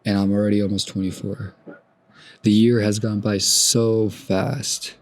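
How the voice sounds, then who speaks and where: A young man in his twenties with a fairly low voice talks slowly through his thoughts on his own podcast. He muses softly, trails off and starts sentences over, recorded outdoors at sunrise. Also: flat delivery, no room sound. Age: 20s. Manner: soft-spoken, musing, trails off and restarts. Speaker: podcast host. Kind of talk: reflective solo podcast monologue.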